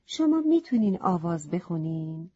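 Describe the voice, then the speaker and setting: A woman's voice: on the low side, sing-song, slightly rough. A woman voicing a curious, polite little boy in a children's story, asking wondering questions, on a slightly muffled recording.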